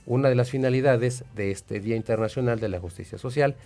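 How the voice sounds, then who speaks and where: A man with a Mexican accent hosting an educational radio talk show, explaining in a measured way with hesitant fillers. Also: mid-range voice, creaky, mellow, faint music behind.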